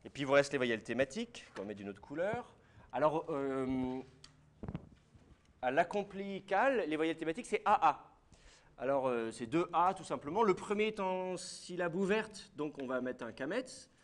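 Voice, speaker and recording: A man's voice: a little high, animated, normal speed. A man teaching a class, explaining step by step and putting questions to his students. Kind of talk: classroom lecture.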